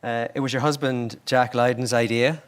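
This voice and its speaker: A man's voice: medium pitch, fairly even intonation, normal speed. A man hosting a studio talk show who asks questions hesitantly, with many uhs and ums. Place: television studio.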